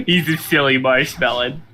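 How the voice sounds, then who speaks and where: A man chatting playfully while playing a card game with friends, now and then shouting attack calls. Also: fairly high pitch, a little hiss or hum. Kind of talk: casual gaming chat.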